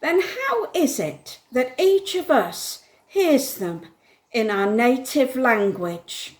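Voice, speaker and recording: A woman reading a part of a Bible passage aloud in church, expressive and questioning. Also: sits high, slow pace. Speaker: Bible reader.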